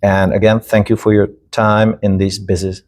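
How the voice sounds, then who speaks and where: Low-voiced man with hosting. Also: level tone, a little mellow. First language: Czech. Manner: friendly, halting, with fillers. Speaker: podcast host. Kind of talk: casual interview.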